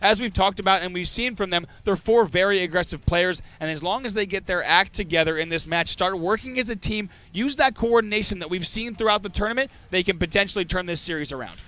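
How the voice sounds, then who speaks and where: A man co-casting a live esports match, giving steady analytical color commentary. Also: high voice, fast talker, hardly any pauses. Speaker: esports co-caster.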